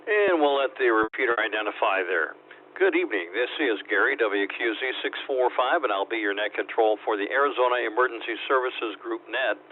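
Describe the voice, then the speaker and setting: A man acting as net control, reading a formal, scripted net preamble in a steady, procedural way, heard over a two-way radio transmission with static. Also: medium pitch, brisk. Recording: tinny radio line with faint static.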